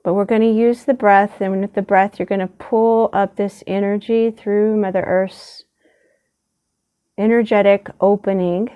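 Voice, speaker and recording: A woman's clear, resonant, medium-pitched voice, steady in tone, leads a gentle guided meditation, unhurried and soothing, with long pauses between brief phrases. The audio is narrow and tinny.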